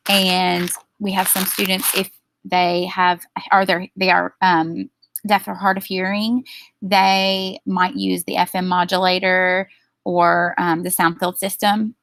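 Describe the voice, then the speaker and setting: A woman presenting a staff training session, explaining procedures in a steady way with frequent ums. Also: lowish voice, slow, dry recording.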